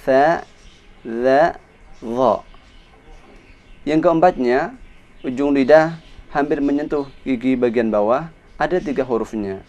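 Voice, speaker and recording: An Indonesian man leads a recitation lesson, pronouncing Arabic letters one at a time. He speaks slowly and deliberately, repeating each sound for practice. His voice sits in a plain middle pitch. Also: dark tone. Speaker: Quran recitation teacher. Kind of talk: instructional lesson on letter pronunciation.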